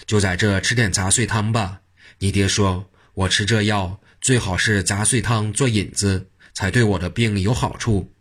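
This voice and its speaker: A man voicing a gentle woman of about thirty in a spoken storybook, in his own low, husky voice. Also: fairly even intonation, normal speed.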